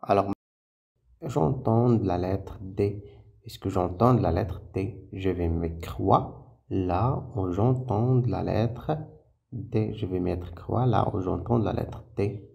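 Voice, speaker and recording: A man's voice: low voice, slow pace, gravelly, warm tone, highs cut off. A man teaching a phonics lesson to young children, patiently sounding out and repeating syllables and words. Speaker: primary school teacher.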